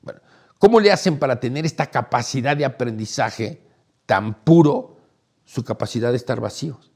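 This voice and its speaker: A middle-aged man, hosting and telling a personal story in a casual, animated way. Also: mid-range voice, moderate pace. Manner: animated, acts out quoted voices, laughs while telling. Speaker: host, storyteller.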